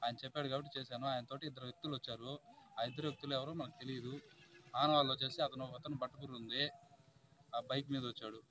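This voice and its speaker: A man's voice: medium pitch, fairly even intonation, sharp tone, poor audio. A man defensively explaining that he was only following orders, repeating himself as he speaks. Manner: quick, defensive, repetitive. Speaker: worker explaining his actions. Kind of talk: explaining to a crowd. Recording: crowd noise behind.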